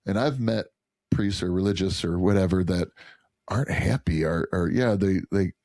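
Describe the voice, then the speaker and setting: A man with a very low, mellow voice talks earnestly in a casual podcast conversation, often restarting his thoughts. The sound is dry and close, with no room around it. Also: moderate pace, no echo. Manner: earnest, rambling with many restarts. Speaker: podcast guest, chiropractor.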